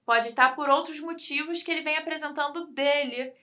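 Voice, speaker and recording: Woman, Brazilian Portuguese accent, fairly high voice, bright tone, reflective, talk-show discussion. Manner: reflective, thinking aloud with many pauses. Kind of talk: casual discussion on a talk program.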